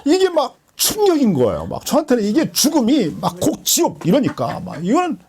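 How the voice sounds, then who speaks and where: A woman's voice: wildly swooping pitch, brisk, dark tone. A woman pastor preaching a sermon in a church, telling a personal testimony with emotion and acting out the lines she quotes. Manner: emotional storytelling, swinging pitch, acting out quotes.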